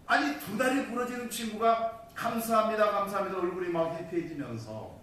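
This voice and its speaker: A man delivers a sermon with a high, lively voice that leaps up and drops low as he tells his story. He is recorded from a distance in a church, so his words ring through a strongly echoing hall. A faint hiss sits under the sound. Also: moderate pace. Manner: dramatic storytelling with sudden loud and soft swings. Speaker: pastor. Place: church sanctuary. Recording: distant mic in a very echoey hall.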